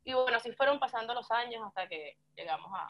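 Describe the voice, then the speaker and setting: This is a young Venezuelan woman with a slightly high voice and a Venezuelan Spanish accent flecked with Argentine words. She chats in a lively, slangy way, full of "súper" and quick asides. The talk is loose and easygoing. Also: muffled recording, slight background noise. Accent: Venezuelan Spanish with some Argentine words. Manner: chatty, animated, slangy, laughs often. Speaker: guest. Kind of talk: casual chat.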